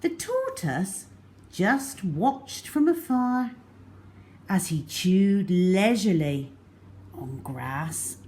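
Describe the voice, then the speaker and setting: A woman with a mid-range voice narrates a children's storybook in a theatrical, expressive, unhurried style, dropping her phrase endings to a hush. A little hiss or hum is audible.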